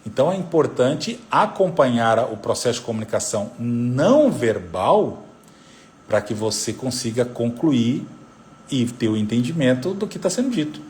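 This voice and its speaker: Lively Brazilian-Portuguese-speaking male psychoanalyst teaching. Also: medium pitch, normal speed, a little hiss or hum. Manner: didactic, repeats figures, lively intonation. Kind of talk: live talk on parenting.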